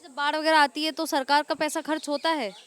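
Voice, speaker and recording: High-voiced woman reporting from the street. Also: little pitch movement, fairly quick, fairly bright tone. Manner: probing, asks short follow-up questions. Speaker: field reporter. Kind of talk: on-the-spot news interviewing. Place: outdoors at a demolition site.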